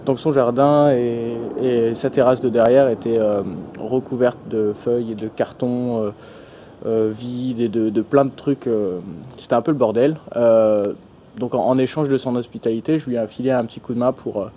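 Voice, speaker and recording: A man's voice: mid-range voice, fairly even intonation, moderate pace, dark tone, a little hiss or hum. A young man from France narrating a casual vlog tour of a house and garden, hesitant, with many fillers and restarts. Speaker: travel vlogger.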